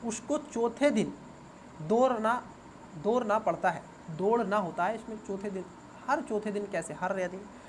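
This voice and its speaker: Male exam coach walking through a paper, repeats each term, quizzes viewers rhetorically, faint background hiss. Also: sits high. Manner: repeats words and asks students rhetorical questions. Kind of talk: exam paper answer walkthrough.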